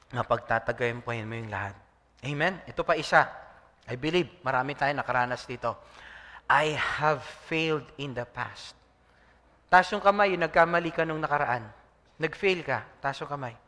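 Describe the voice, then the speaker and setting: A man, a pastor preaching a lively sermon, often calling out to the congregation for a response. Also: a little high, in a large hall. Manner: preaching in mixed Tagalog and English, call-and-response with congregation.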